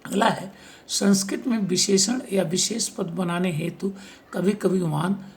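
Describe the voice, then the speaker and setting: A man's voice: high-pitched, fairly even intonation, measured pace, gravelly. A male teacher giving an exam-prep lecture on spelling, reading out examples and often checking that his listeners follow.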